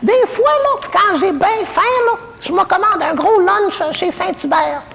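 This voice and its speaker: A woman's voice: extremely high pitch, animated, unhurried, creaky, long reverb tail, background noise, heavily acted. A woman with a Québécois accent playing a cheeky, bawdy old woman in a retirement home, in a stand-up comedy character monologue full of saucy, gossipy, self-mocking jokes. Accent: Québécois French.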